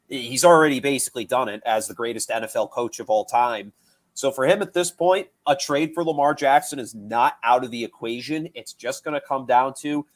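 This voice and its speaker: A man co-hosting a sports podcast, chatting loosely with fillers and restarts. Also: mid-range voice. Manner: rambling, lots of fillers and restarts. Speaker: podcast co-host. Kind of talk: casual sports talk.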